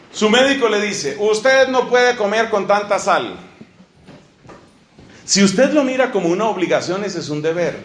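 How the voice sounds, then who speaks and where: Animated preacher man in an echoey room. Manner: animated, swings between loud emphasis and low asides; acts out little dialogues in different voices. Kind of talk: sermon. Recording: echoey room with faint ambient noise.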